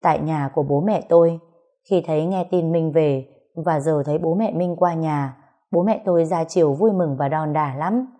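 A woman narrating a written story in a steady, even way. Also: sits low, normal speed.

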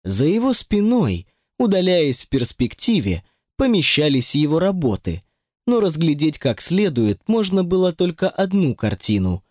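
A man narrating an audiobook in an expressive, wryly ironic storytelling manner. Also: on the high side, moderate pace, no echo, studio quality. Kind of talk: scripted narration.

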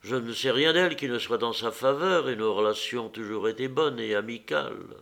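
A man's voice: medium pitch, a little fast, creaky, fairly bright tone. A man reading aloud, voicing a weary, grieving mother who sounds tired and guarded. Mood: bitter.

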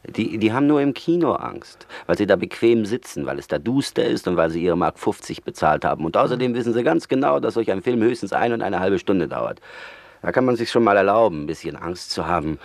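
A scornful old-radio-play rat. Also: male voice, lowish voice, lively intonation, fairly quick, no room sound. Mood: mocking. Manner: soothing yet mocking. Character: cynical male rat, calm, scornful. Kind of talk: 1960s radio play acting.

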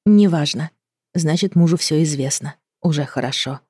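A woman's voice: deep voice, moderate pace, dark tone, husky, no room sound, clean studio sound. A woman voicing a grim, curt young man who talks in clipped, dismissive phrases.

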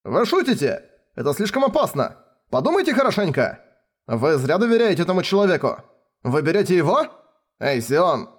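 A man's voice: fairly high pitch, lively intonation, normal speed, pitched above the performer's own voice. A man voicing a brash, hot-tempered male general who taunts and blusters in a raised voice. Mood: protesting.

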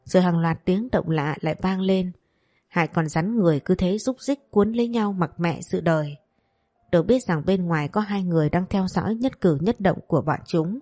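Low-voiced woman narrating a dramatic story. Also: moderate pace, warm tone. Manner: vivid, colloquial storytelling. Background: faint music.

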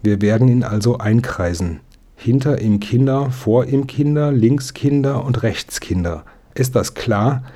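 A man's voice: medium pitch, unhurried, warm tone, natural voice. A man reading a bossy, clever boy detective leader who gives curt commands. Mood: commanding.

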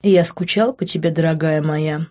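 A woman's voice: sits low, fairly even intonation, normal speed, mellow, natural voice. A pushy, possessive young man, as a woman reads him. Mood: soft coaxing. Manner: insistent, smooth-talking. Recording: dull lo-fi recording.

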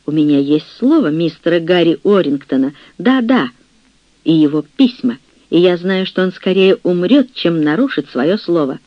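A woman's voice: lowish voice, animated, moderate pace, no room sound, lo-fi sound, close to an everyday voice. Man voicing an indignant noble lady. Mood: defiant. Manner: indignant, defiant. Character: proud middle-aged noblewoman, defiant and rattled.

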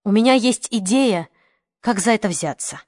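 A woman's voice: mid-range voice, expressive, normal speed, no room sound, studio quality, lightly acted. A woman reading the part of a young journalist who speaks urgently and firmly. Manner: urgent, forceful. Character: determined young journalist woman, tense and defiant.

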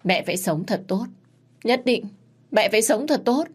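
A woman's voice: fairly low pitch, moderate pace, darkish tone, slightly rough. A woman voicing a tortured young prince in a read-aloud story, speaking in an earnest, pleading way. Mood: tender. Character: tortured young prince, defiant then tender.

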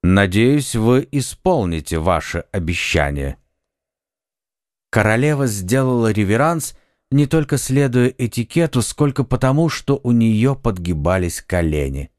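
A man reading a children's audiobook as narrator, in a measured storytelling manner. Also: mid-range voice, animated, a little mellow, no echo, studio quality.

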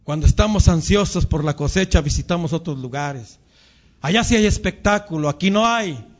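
High-voiced fervent preacher. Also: male voice, expressive, normal speed. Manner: fervent, often calls the listeners brothers. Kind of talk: sermon and prayer. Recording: dull lo-fi recording.

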